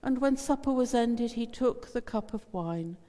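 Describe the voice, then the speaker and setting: A woman priest leads communion in a measured, solemn intoning voice, heard in a long cathedral echo. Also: a little high, expressive, warm tone. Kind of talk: reciting a liturgical prayer. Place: large church. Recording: cavernous church reverb, distant.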